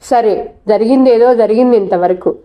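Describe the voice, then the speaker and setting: A woman's voice: on the high side, normal speed, highs cut off, lightly acted. A woman voicing a stern elderly grandmother who speaks in a scolding, commanding way. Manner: authoritative, scolding.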